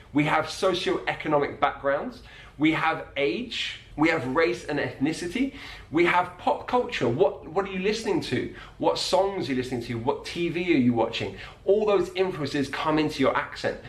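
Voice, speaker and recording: A man coaching on accents, explaining sound by sound in a calm, methodical way. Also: fairly high pitch, echoey room.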